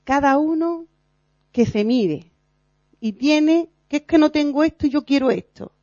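A woman preaches informally to her fellow believers. Her voice is mellow and warm, and her delivery is earnest and lively. The recording is dry and slightly dull, like a low-fi capture. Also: a little slow, dry recording. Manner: earnest and animated, acts out quoted voices, laughs at herself. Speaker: lay preacher in a prayer meeting. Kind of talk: informal sermon.

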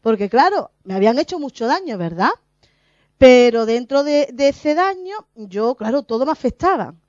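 Woman, high pitch, animated testimony, dull dry recording. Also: moderate pace, no room sound. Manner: animated, laughs often, acts out her own past voice. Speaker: lay preacher. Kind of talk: spontaneous spiritual testimony.

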